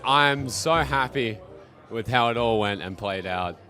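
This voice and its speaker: A man doing a halting, self-mocking stand-up set. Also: medium pitch, sharp tone, soft background music. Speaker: stand-up comedian.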